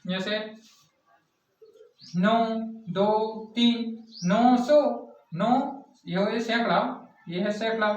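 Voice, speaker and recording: High-voiced male teacher, echoey room. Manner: repetitive, drilling questions and answers. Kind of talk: classroom math lesson. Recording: echoey distant lo-fi classroom recording.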